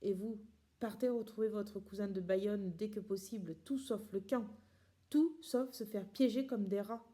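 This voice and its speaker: Lady reading a stubborn refugee guy, blunt and insistent, warm low-key voice. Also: fairly even intonation, unhurried, lightly acted. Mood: determined. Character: determined male refugee friend.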